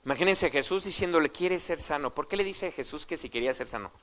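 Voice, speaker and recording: A Mexican pastor preaches a sermon in a relaxed, conversational way. His voice sits a little high for a man, and he keeps checking in with the listeners through rhetorical questions. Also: racing. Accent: Mexican Spanish.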